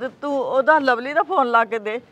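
A woman plays an older village mother, worried sick and pleading through tears. Her voice is high. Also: normal speed, over a noisy crowd, close to an everyday voice. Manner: pleading, tearful. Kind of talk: village short film acting.

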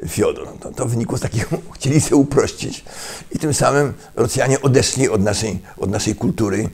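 An older man giving a lecturing monologue, halting with fillers and restarts and tossing in rhetorical questions. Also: mid-range voice, a little mellow, breathy edge. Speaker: political commentator.

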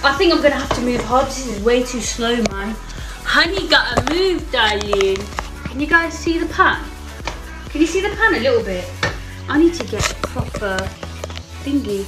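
Heard through a distant mic, a young woman from the UK speaks in a high-pitched, expressive voice at normal speed. She's livestreaming from her home kitchen, playfully reading comments and calling viewers darling, while faint music and sizzling frying fill the echoey room.

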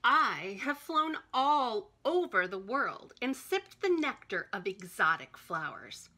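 Storybook hummingbird, small, proud world traveler, bright and lively, read by a woman. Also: fairly high pitch, slow, exaggerated voice. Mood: boastful.

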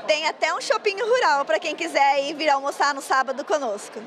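Her voice is high-pitched, brisk and a little bright. Interviewed live on the news at a crowded indoor food fair, this agro-industry coordinator explains what she does fluently, stumbling now and then, speaking into a reporter's handheld mic.

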